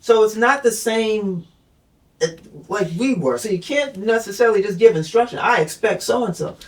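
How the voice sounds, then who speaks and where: Brief: high-pitched man, podcast co-host, probing and argumentative, heard from a distance. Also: lively intonation, moderate pace. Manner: probing, makes points with questions and frequent "mm-hmm"s. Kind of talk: casual chat.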